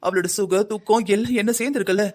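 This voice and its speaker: A man's voice: high-pitched, fast talker, natural voice. A man voicing a worried middle-aged mother in a Tamil cartoon drama, talking earnestly at length. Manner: earnest, lecturing.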